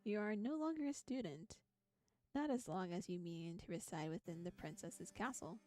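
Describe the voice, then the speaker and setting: A woman with a fairly low, dark-toned voice speaks expressively at a moderate pace while reading a visual novel on stream. Her narration gives way to chatty, giggling, playful remarks, with background music running behind her.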